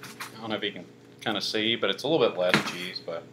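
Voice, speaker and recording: Heavy background noise surrounds a young man who talks quickly in a fairly low voice while reviewing a pizza for his casual food vlog. He rambles with lots of filler words and dry, self-mocking comments.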